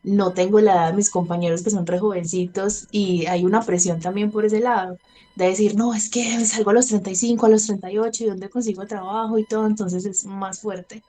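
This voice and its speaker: A woman's voice: medium pitch, steady tone, fairly quick, dark tone. A Colombian woman in her thirties speaking openly in an interview, often laughing lightly and acting out what she said at the time. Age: 30s. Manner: candid, laughs between sentences, acts out her own past words. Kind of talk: personal testimony in conversation.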